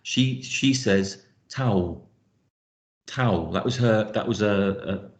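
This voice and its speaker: A man with a received pronunciation accent leads an online phonics teaching session, speaking earnestly and haltingly, often repeating words. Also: on the low side, steady tone. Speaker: phonics trainer. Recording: echoey, dull lo-fi call audio.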